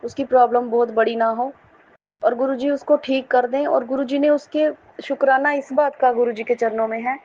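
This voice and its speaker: A middle-aged woman from Jammu gives a devotional testimony earnestly, pausing often to address her listeners with respect. Her voice is on the high side and a little mellow, captured in a dull lo-fi recording with faint noise.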